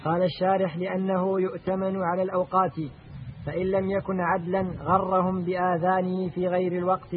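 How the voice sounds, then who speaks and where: A man's voice: high voice, completely flat delivery, fairly quick. A male student reading a passage aloud from a text during a class. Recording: tinny phone-like sound with faint noise, heard from farther off.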